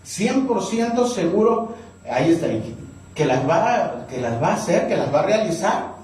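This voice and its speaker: A pastor delivers a Sunday sermon as an animated storyteller, his high voice swinging widely as he acts out scenes. The sound is very echoey and picked up from a distance in a church hall, with faint noise underneath. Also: unhurried. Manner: animated storyteller, raising pitch for characters' lines.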